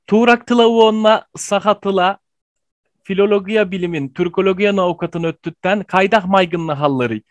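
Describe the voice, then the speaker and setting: A man giving an online language lesson, explaining slowly with frequent pauses and fillers. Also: high-pitched, no room sound. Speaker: language teacher.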